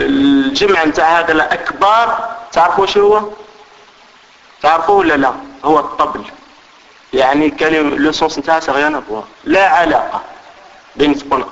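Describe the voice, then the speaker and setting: A man's voice: fairly high pitch, a bit bright, dull audio. Man teaching with an Algerian Arabic accent. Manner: explanatory, repeats points and checks understanding. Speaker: religious teacher. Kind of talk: religious lesson.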